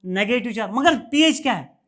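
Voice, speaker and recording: A man teaching a classroom lecture who keeps checking whether the students follow. He asks a question, repeats the key term and answers it himself in a steady call-and-response rhythm. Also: very high-pitched, a little fast. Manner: quizzes students and answers his own questions.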